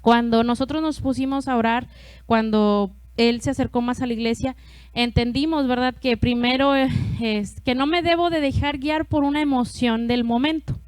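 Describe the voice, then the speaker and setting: A woman's voice: on the high side, steady tone, moderate pace, a little mellow, no echo. A woman preaching a testimony in church, chatty, laughing often and calling out to her congregation. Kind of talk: testimony sermon.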